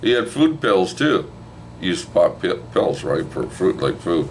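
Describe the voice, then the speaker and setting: A man's voice: deep voice, big pitch swings, a little slow, a little hiss or hum. An older man hosting a movie review video, retelling a film in a casual, rambling, profane way with frequent asides to the listener.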